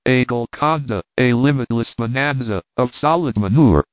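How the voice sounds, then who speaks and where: A man's voice: medium pitch, moderate pace, no room sound, lightly acted. A man voicing a poetic, lovesick young man who speaks in grand, theatrical declarations in a storybook reading. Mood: dramatic. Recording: dry, tinny phone-like sound.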